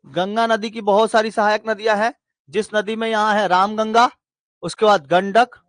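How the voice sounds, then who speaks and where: A man's voice: sits high, flat delivery, normal speed, fairly bright tone, no room sound. A man teaching a geography lesson, running through lists in a sing-song chant and asking checking questions. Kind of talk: classroom lesson with drilling repetition.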